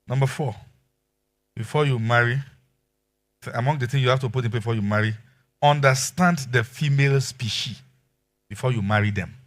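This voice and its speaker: A man preaching a sermon as pastor, animated and emphatic, asking rhetorical questions. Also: medium pitch, a little fast, pauses often.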